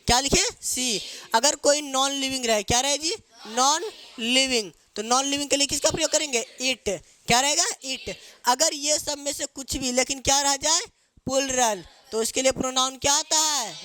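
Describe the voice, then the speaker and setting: A male English teacher, teaching grammar to a live classroom in call-and-response style and dictating English phrases slowly. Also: extremely high pitch, bright, forceful tone, no echo. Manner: call-and-response drilling, asks students to repeat each answer. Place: classroom with students.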